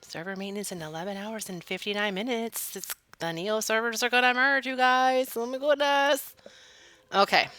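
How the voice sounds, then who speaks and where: A woman's voice: on the high side, fairly even intonation, moderate pace, pushed and bright, dry recording. A woman hosting a video game walkthrough with casual commentary, recorded close up indoors. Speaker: gameplay video host.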